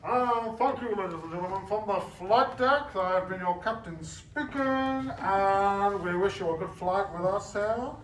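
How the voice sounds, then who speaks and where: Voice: mid-range voice, normal speed, hardly any pauses, slight background noise, natural voice. A performer playing an airline captain who makes a hesitant, formal cabin announcement in an improv comedy scene. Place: live comedy stage with audience. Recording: echoey stage, heard from far off.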